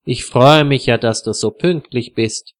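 A man voicing a flustered middle-aged hostess in a storybook reading, lifting his voice high and sounding fussy and short of breath. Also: a little slow, close to an everyday voice.

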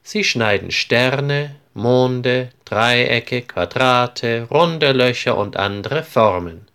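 A man narrating a children's story slowly and clearly, in an articulated reading style. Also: mid-range voice, a bit bright. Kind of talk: storybook narration for language learners.

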